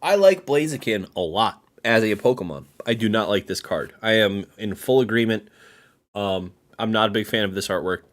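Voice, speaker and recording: A man's voice: fairly low pitch, lively intonation, normal speed. A man hosting a casual reaction video, giving blunt, dismissive opinions and laughing often.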